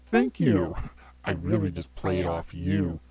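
Vorix, a cavernous horror co-host. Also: female voice, sing-song, dark tone, exaggerated voice. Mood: friendly. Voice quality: extremely deep, husky. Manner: slow, echoing the host's words. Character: Vorix, a sinister very deep-voiced horror show co-host.

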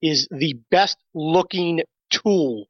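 An excitable man with a Boston accent chats on a podcast, stumbling over restarts. His voice sits a bit high. The recording is dry and slightly dull. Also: takes it slowly, husky, no room sound. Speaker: podcast co-host. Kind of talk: casual podcast chat.

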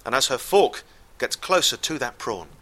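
A man telling a comic story live, wry and exasperated, with deadpan asides. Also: medium pitch, moderate pace.

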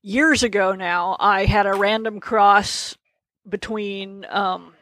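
A man's voice: sits high, fairly even intonation, slow, pushed and bright, poor audio. A man co-hosting a podcast, telling anecdotes in a wry, playful, conversational way. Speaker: podcast co-host. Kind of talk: casual chat and anecdotes.

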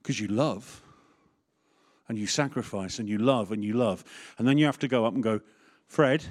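A man's voice: fairly low pitch, normal speed. A man, a vicar preaching a sermon in a candid, conversational way with jokes and asides.

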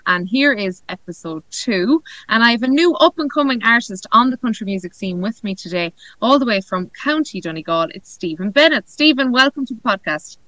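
A woman's voice: on the high side, sharp tone, no room sound, poor audio. A woman with an Irish accent hosting a podcast in a conversational interview style. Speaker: podcast host.

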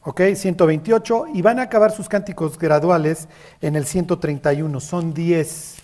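Bible teacher talking a group through scripture, middle pitch, keeps asking if everyone gets it, acts out the quotes. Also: normal speed, a little mellow. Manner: keeps checking in with listeners, acts out biblical quotes.

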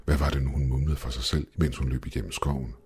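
A man narrating a first-person horror story in a measured, steady way. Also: a bass voice, a little hiss or hum. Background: faint background music.

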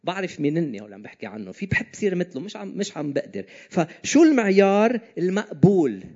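Quick and high-pitched, with big swings in pitch and a darkish tone, a preacher speaks in a Levantine, Lebanese Arabic accent. His sermon is informal and conversational, often directing questions at the listeners, and the recording is slightly dull and lo-fi.

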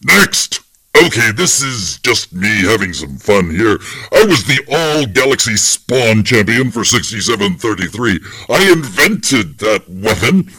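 A man doing a vain, boastful alien warlord with a low voice who talks about slaughter as if it were a holiday snap. The delivery is deadpan and casually brutal, and the sound is dry and close. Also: measured pace, breathy edge, no room sound, full character voice, rough recording. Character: boastful male alien warlord showing off photos.

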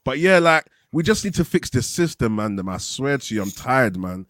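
A man's voice: mid-range voice, sing-song, normal speed, a bit bright, dry recording, clean studio sound. A young man with a London roadman accent, venting emphatically in slangy, casual football fan chat. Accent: London, urban street slang (roadman). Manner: slangy, emphatic venting with repeated tag questions.

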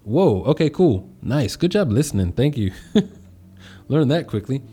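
A man's voice: medium pitch, big pitch swings, unhurried, breathy edge. A man hosting a casual live stream as a podcast host and public speaker, chatting in a slangy, exuberant way and greeting viewers. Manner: upbeat, exuberant greetings and shout-outs; slangy, conversational.

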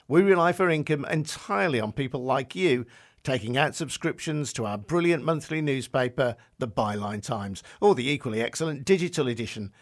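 A man with a mid-range voice hosts a news podcast. He reads his scripted introduction in an earnest, clearly articulated way and then turns to questioning his guest. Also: medium pitch, fairly bright tone. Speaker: podcast host. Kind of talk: scripted news narration and interviewing.

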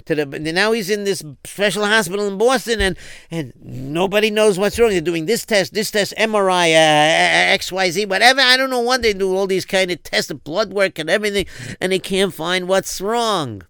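A man's voice: high voice, moderate pace, creaky, sharp tone, clean tone, no echo, exaggerated voice. A man playing an anxious father who rambles and stammers through his story. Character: anxious, flustered father pleading for help.

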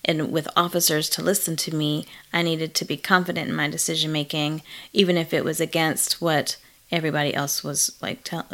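Middle-aged woman, low-pitched, reflective interview guest who pauses often. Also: level tone, fairly bright tone. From Malawi. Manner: reflective, frequent ums and laughs. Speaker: therapist in private practice. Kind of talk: casual interview conversation.

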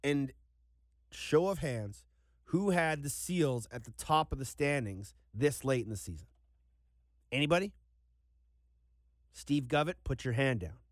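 Man, sports analyst, conversational recap, fairly high pitch, dry studio-like sound. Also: no room sound.

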